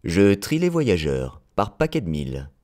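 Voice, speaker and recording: A man's voice: sits low, huge pitch swings, a little slow, darkish tone, full character voice. Weary switchman, matter-of-fact and emphatic, played by a man, storybook reading. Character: brisk weary male railway switchman.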